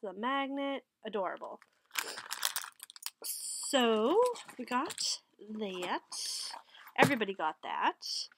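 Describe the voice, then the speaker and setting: In a small wood-paneled room with bookshelves, a knitting vlogger in her thirties with a head cold talks a bit nasally into her desk webcam, recapping her knitting haul in a casual vlog. Her fairly high voice is animated but slow, with long pauses, as she chats, rambles and corrects herself. The background is noisy.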